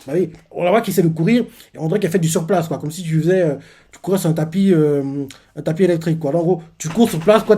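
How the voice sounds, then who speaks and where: Male reaction host, casual and rambling. Higher pitch, slightly husky tone. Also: warm tone. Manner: rambling, full of filler words and restarts. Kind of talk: casual live retelling of a comic chapter.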